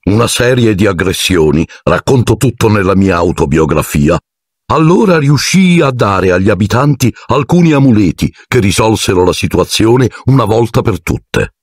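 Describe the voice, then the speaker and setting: A pompous, self-admiring wizard teacher holds forth in a raised, showy voice, as a male reader puts him on. The voice is husky and close, with lively, swooping pitch. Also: normal speed, no room sound. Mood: pompous boasting.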